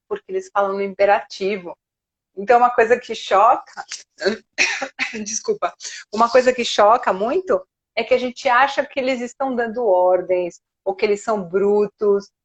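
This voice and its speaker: A woman who teaches Spanish, talking in a live video chat and acting out quoted speech in an animated way. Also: a little high. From Brazil.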